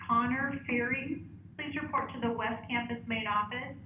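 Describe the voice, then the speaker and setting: A woman making a paging announcement over a school loudspeaker, heard from a distance, slow and repetitive. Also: a little high, fairly even intonation, a little hiss or hum. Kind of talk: public address announcement. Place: school hallway speaker. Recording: tinny echoey PA heard from afar.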